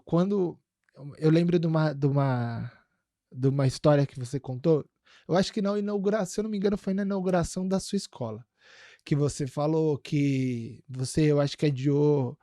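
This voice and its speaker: A man's voice: fairly high pitch, warm tone, dry recording, clean studio sound. A man hosting a podcast, telling stories in a rambling casual way with many fillers. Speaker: podcast host.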